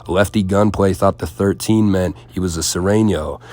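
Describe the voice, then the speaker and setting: Deadpan low-voiced male commentator. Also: moderate pace, slight background noise. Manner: deadpan, mocking. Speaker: commentary host. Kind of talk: scripted commentary voice-over.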